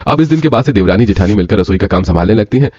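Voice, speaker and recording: A man narrating a cartoon story in a brisk, scripted storytelling manner. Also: fairly low pitch, animated. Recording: lo-fi with soft music.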